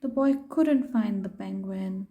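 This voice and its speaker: Her mid-range voice carries some vocal fry as she reads a picture book to a group of children. She is expressive and in no hurry, pausing to ask the little ones questions.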